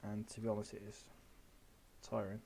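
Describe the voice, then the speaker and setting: A man's voice: on the low side, monotone, moderate pace, gravelly, dark tone, slight background noise. A man chatting casually on a stream, hesitant and full of fillers. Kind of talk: casual chat.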